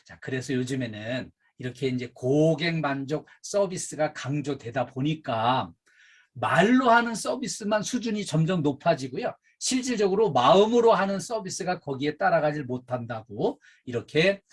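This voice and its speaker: A middle-aged man giving a workplace training lecture, emphatic and animated, with frequent fillers. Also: fairly high pitch, moderate pace, breathy edge. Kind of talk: safety and customer service training lecture.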